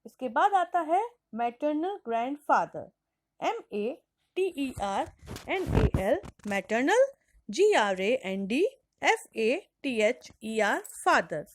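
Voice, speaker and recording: A woman's voice: fairly high pitch, big pitch swings, slow, dry recording, clean studio sound. A woman teacher with an Indian English accent, mixing Hindi and English in a lesson for young children and spelling words out letter by letter. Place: school recording.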